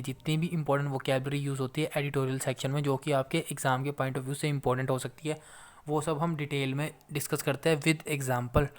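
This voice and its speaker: A man teaching exam vocabulary in a mix of Hindi and English, explaining patiently and repeating key points. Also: medium pitch. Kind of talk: Hinglish exam-prep vocabulary lesson.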